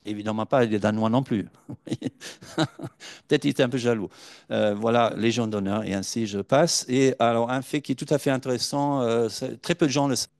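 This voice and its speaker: A man's voice: medium pitch, moderate pace, darkish tone, dry recording, clean studio sound. A man giving a university conference talk from slides, hesitant and full of filler sounds as he tells anecdotes. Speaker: lecturer.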